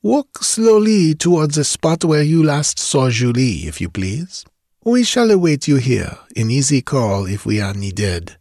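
A man doing a brisk little French doctor. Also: medium pitch, very animated, darkish tone, dry recording, studio quality, pitched above the performer's own voice. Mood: confident. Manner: formal, confident.

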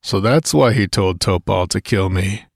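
A man voicing a grim barbarian warrior, murmuring gruffly. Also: deep voice, unhurried, no echo, studio quality, heavily acted.

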